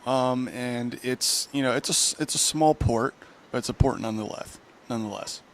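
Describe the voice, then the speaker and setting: A man's voice: medium pitch, moderate pace, a little hiss or hum. Rambling game master man. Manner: rambling, self-correcting. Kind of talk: narrating a tabletop game.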